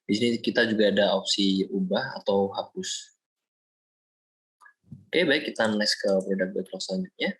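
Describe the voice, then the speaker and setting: In a screen-recorded walkthrough, a young Indonesian student demos his software project step by step, frequently pausing with fillers. He has a fairly low pitch, and the recording is rough.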